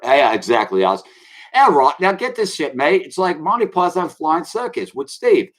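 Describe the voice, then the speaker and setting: Pitched on the high side with a sing-song lilt, a man rants at a moderate pace on his online show. It's a rambling live-stream, delivered with brash swagger as he calls his viewers kids.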